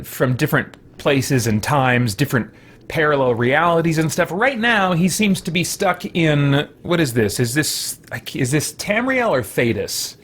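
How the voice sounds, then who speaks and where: This male streamer's voice sits on the high side with a fairly bright tone. He hosts and offers casual gameplay commentary during a livestream, wandering off on tangents, fixing his own words, and teasing himself.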